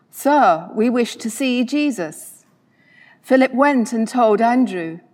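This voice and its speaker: Woman reading slowly in cathedral echo. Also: on the high side. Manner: measured and solemn, with dropping phrase endings. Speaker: gospel reader at a church service. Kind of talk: slow formal liturgical reading. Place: large church. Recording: long reverb of a large church.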